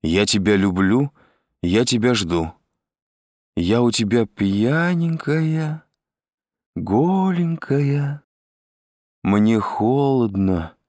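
Drunk young woman on the phone, voiced by a male reader: slurred, drawn-out, stumbling, pitched high above his usual voice, in a storybook reading. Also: lively intonation, a little mellow, no echo, studio quality.

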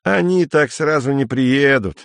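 A man putting on a shrill, brash chatterbox. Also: sing-song, vocal fry, no echo, full character voice. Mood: lecturing. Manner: high, drawn-out and insistent. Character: excitable high-voiced man, brash and chattering.

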